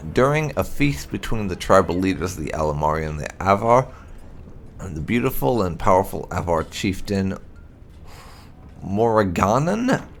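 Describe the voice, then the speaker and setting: A gaming channel host reads fantasy game lore aloud, his low, gravelly voice carrying a measured, solemn storytelling manner.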